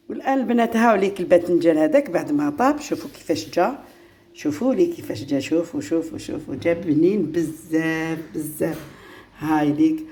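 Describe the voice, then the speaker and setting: A woman's voice: lowish voice, dark tone. Algerian woman demonstrating a recipe in an echoey kitchen. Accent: Algerian Arabic. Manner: chatty, repetitive, addresses viewers as girls. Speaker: home cooking channel host. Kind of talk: casual step-by-step cooking demonstration. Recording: roomy echo with faint background noise.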